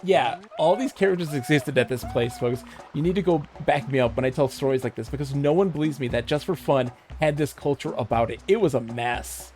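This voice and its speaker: A man from Michigan, livestreaming, who tells animated, swear-laced stories and reads chat aloud. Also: mid-range voice, a little fast, hardly any pauses, faint music behind. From Michigan, USA. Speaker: streamer. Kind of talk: casual storytelling while livestreaming a game.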